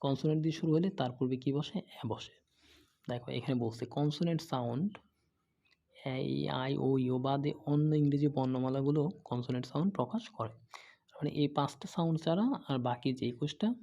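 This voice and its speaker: Gravelly-voiced man teaching grammar. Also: mid-range voice, mellow, muffled recording. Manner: patient, repeats examples, frequent "okay?" checks. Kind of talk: explaining lesson, asking and answering own questions.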